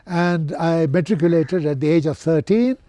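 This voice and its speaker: A man of ninety with a posh Indian accent, reminiscing as an interview guest in an educated, measured way with hesitant pauses. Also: fairly high pitch, dark tone. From central India. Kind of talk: reminiscing in conversation.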